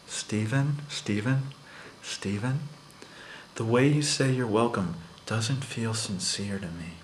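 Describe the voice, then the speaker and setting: A man speaking softly and earnestly as a self-important meditation guide in a mock guided meditation. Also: on the low side. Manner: soft-spoken, earnest, solemn, self-important. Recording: very echoey, distant mic, faint noise.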